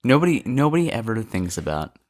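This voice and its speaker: A man's voice: medium pitch, very animated, a little fast, darkish tone. Joking podcast co-host, a man. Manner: joking, riffing, playful mock-serious. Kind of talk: casual comedic chat.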